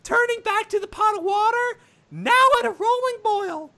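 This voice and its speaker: A woman voicing a squeaky, cheerful cartoon mouse in a strained falsetto while reading a story aloud. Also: sharp tone, exaggerated voice. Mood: squeaky narrating. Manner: squeaky Mickey Mouse-style falsetto, slow storybook delivery. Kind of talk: comic fan fiction read-aloud.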